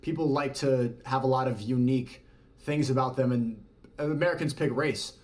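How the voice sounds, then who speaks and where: A man's voice: mid-range voice, moderate pace, a little mellow. A man hosting a casual interview and asking probing follow-up questions. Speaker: podcast host.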